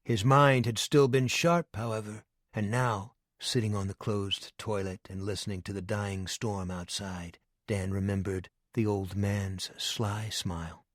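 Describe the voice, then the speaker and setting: A man narrates an audiobook in a measured, often hushed delivery. His voice sits on the low side. The close studio recording is dry with no room sound. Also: fairly even intonation, dry recording.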